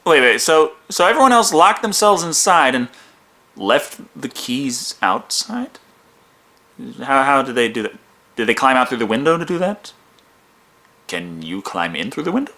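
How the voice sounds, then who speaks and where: A man's voice: mid-range voice, expressive, moderate pace, pushed and bright. A man narrating a comedic film review in a sarcastic, profane, mock-hesitant manner.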